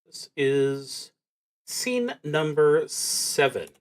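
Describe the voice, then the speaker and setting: Narrating his solo tabletop roleplaying game as a streamer, this man thinks aloud in unscripted play, his voice on the high side and very animated yet slow-paced. He muses haltingly and often trails off mid-thought.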